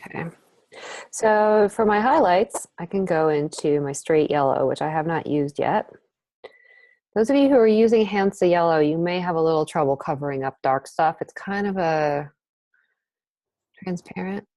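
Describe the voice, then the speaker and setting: Woman painting instructor, low and dry-sounding, chatty and thinking aloud mid-demo. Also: lively intonation, moderate pace, mellow, no echo. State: breathing heavily while painting. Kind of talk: live painting demonstration. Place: art studio.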